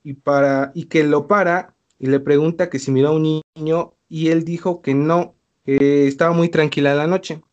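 A man's voice: on the high side, steady tone, normal speed, hardly any pauses, darkish tone, lo-fi sound. A young man with a Mexican accent, co-hosting a casual talk show and telling a listener's spooky story in slangy, easygoing speech. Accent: Mexican Spanish. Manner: slangy, laid-back, laughs between lines. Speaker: podcast co-host reading a listener's story.

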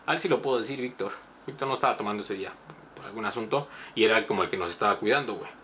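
A middle-aged man with a Mexican accent, telling a story in casual podcast chat, animated and swearing freely. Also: lowish voice, rapid-fire, slight background noise. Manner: animated, laughing, swears often. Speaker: podcast host.

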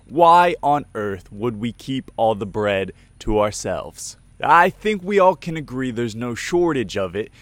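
A man hosting a Bible teaching show, delivering a scripted talk in an energetic, playful way with little dramatic skits. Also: medium pitch, dry recording.

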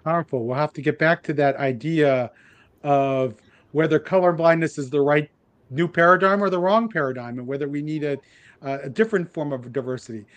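A man's voice: on the high side, fairly quick. A man moderating a panel discussion, handing over between speakers.

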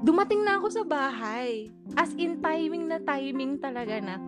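A young woman casually telling a story, animated, laughing often and acting out what people said. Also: sits high, normal speed. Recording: music playing behind.

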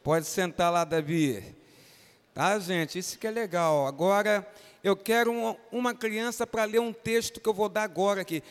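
A man's voice: high voice, normal speed, clear, resonant tone. A man with a Brazilian Portuguese accent, a pastor leading an interactive Bible lesson for children in a church and coaxing them by name to answer. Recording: reverberant church hall.

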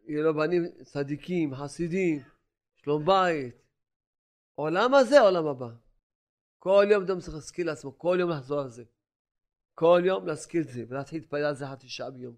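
An older rabbi giving a Torah lesson, preaching emphatically with repeated phrases and rhetorical questions, moving between loud exclamations and quiet asides. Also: male voice, fairly high pitch.

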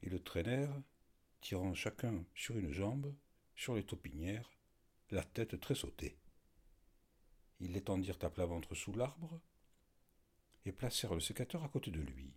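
A man narrating a literary story in an expressive reading voice. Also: deep voice, unhurried, long pauses, slightly rough. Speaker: audiobook narrator.

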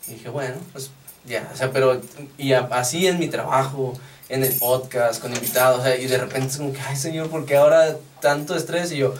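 A man with a Mexican Spanish accent, hosting a podcast, telling stories in a lively, slangy way. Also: mid-range voice, a little fast. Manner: animated storytelling, slangy. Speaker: podcast host. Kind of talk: casual podcast chat. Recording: distant mic with faint noise.

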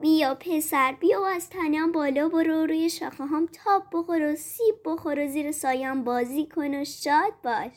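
A woman voicing a gentle, loving old tree in a storybook reading, speaking softly and tenderly. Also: sits high, hardly any pauses, close to an everyday voice. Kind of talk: storybook narration.

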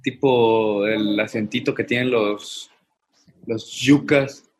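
A man in relaxed casual chat, laughing along easily. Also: on the low side, slow.

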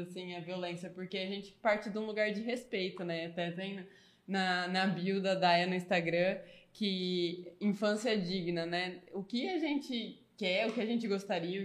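Lively woman in an echoey room. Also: mid-range voice. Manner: lively, restarts phrases, laughs easily. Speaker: guest, mother of a toddler. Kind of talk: casual conversation.

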